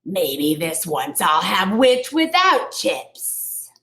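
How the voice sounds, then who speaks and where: A woman voicing a mean, hungry dragon in a children's storybook, slow, drawn-out and gloating, with a roomy echo. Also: fairly low pitch, sing-song, a bit bright, full character voice. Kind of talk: children's storybook read-aloud.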